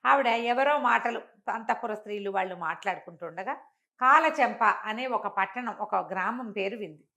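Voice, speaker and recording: Telling a moral folk tale in a conversational, explanatory style, a woman storyteller repeats phrases for emphasis and acts out bits of dialogue in passing. She speaks at a moderate pace with a medium pitch, lively intonation and a pushed, bright sound.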